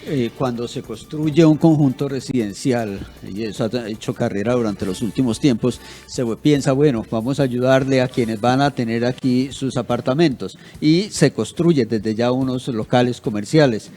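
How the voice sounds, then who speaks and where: Co-host guy, mid pitch, mellow dark tone, kinda hesitant, faint music under. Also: normal speed, hardly any pauses. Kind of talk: radio talk show.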